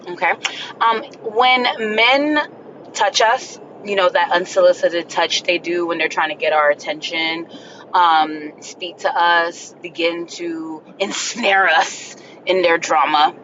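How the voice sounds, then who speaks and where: A woman ranting to camera in a casual, animated way, telling a story and breaking into shrill screams. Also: dull audio, noisy background. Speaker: social media poster.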